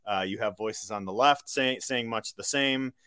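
An American man, a journalist being interviewed, giving conversational political analysis in a measured, explanatory way. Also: on the low side, pushed and bright, clear, resonant tone, no room sound, studio quality. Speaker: independent journalist, interview guest.

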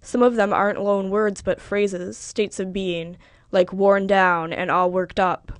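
A woman's voice: mid-range voice, no room sound. Woman reading literary fiction, dry. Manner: measured, even narration. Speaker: reader.

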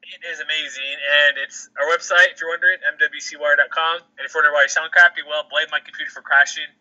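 Man talking fast over a phone line. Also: a little high, steady tone, pushed and bright. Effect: over a phone call. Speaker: podcast host. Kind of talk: casual sports chat.

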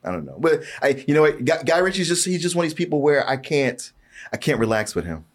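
A man's voice: fairly high pitch, big pitch swings, fast. A man co-hosting a movie podcast, talking in a casual, blunt, profane way with plenty of energy. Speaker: podcast co-host. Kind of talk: casual chat.

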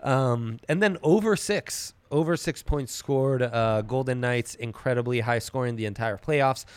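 A man's voice: mid-range voice, measured pace, clean tone, no echo. A man co-hosting a sports betting show with casual, playful, jokey banter.

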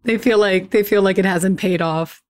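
A woman's voice: mid-range voice, moderate pace, no room sound, clean studio sound. A woman hosting an interview, asking questions casually and affirming her guest as she listens. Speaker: interview host. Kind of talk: conversational interview.

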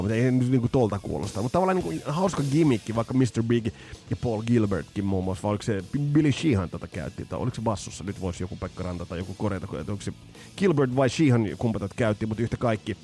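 A man's voice: fairly low pitch, dark tone. A man in his forties or fifties from Finland, hosting a podcast and talking casually in a rambling way, with many fillers and restarts. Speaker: podcast host. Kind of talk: casual music podcast commentary. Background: faint music.

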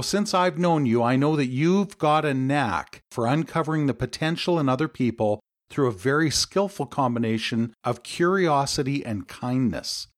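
A man hosting a podcast interview, complimentary and encouraging toward his guest. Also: mid-range voice. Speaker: podcast host.

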